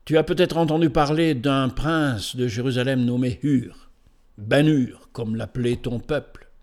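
A blunt soldier-officer answers curtly and dryly, his clipped lines delivered with some force, as a male narrator voices him. It is a storybook reading with a steady middle voice. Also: medium pitch, a little slow, lightly acted. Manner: curt, dry, clipped. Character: curt Roman officer, dry and blunt.

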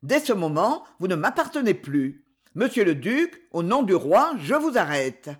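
A reader voicing a raspy, vehement male knight. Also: medium pitch, very animated, measured pace. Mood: stern. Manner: solemn, grave, vehement. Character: proud adventurer knight, fierce and wounded in honor.

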